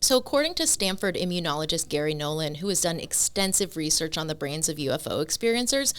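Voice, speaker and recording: A young woman hosts a tongue-in-cheek lecture on a casual podcast, mock-serious and often breaking into laughter. Her pitch is very lively, swinging up and down as she goes. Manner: playful, laughs through lines, mock-lecturing. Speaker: guest presenter. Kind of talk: comedic podcast slideshow chat.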